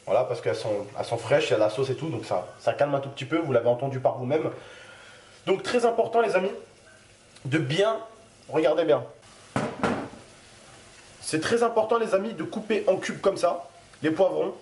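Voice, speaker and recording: Man, high voice, casual cooking video, jokey, talks to viewers, sizzling pan behind. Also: animated, normal speed, long pauses, darkish tone. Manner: chatty, joking, addresses viewers directly. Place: home kitchen. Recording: roomy kitchen with frying noise.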